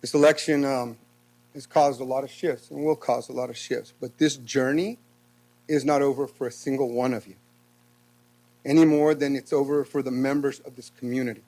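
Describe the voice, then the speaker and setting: A man's voice: mid-range voice, fairly even intonation, normal speed, dark tone, rough recording. Earnest man exhorting a city council. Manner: earnest, exhorting, preacher-like cadence. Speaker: public commenter. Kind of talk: impassioned public comment. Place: council chamber.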